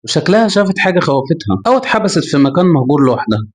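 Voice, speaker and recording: A composed middle-aged Egyptian doctor soothes a worried family in a quick, even voice, as the narrator plays him. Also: male voice, a little high. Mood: reassuring.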